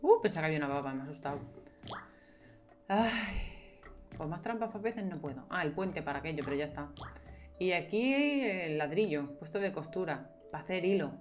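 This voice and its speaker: A woman's voice: low-pitched, expressive, fairly quick, soft background music. Chatty young woman gaming. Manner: chatty, talks to herself and viewers, playful exclamations. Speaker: gameplay streamer. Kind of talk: casual gameplay commentary.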